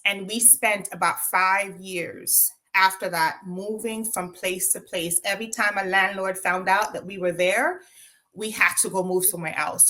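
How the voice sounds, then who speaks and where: Telling her own story as an interview guest, a Jamaican woman speaks reflectively in a Jamaican accent, often using ums and tag questions. Her voice is medium-pitched with a sharp tone.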